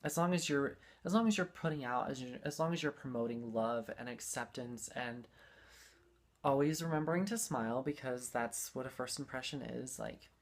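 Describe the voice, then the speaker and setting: A young adult guest with a mid-pitched voice shares personal stories casually and earnestly, speaking at normal speed. The heartfelt telling is emphatic and rambling, looping back over phrases to drive them home.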